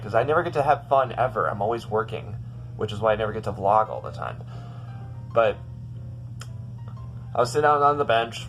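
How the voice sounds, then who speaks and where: Young man, low voice, casual vlog, rambling, upset, restarts and fillers, bedroom, faint music behind. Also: fairly bright tone. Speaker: vlogger. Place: his bedroom in an apartment.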